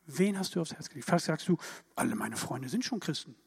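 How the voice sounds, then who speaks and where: A man preaching a sermon in a lively, emphatic way, full of rhetorical questions. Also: a little high, fast, creaky, slightly rough. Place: church hall. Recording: church hall reverb.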